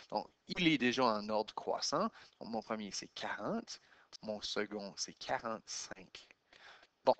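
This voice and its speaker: A man with a Québécois French accent teaching a math lesson, counting out loud step by step as he writes. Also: medium pitch, no room sound.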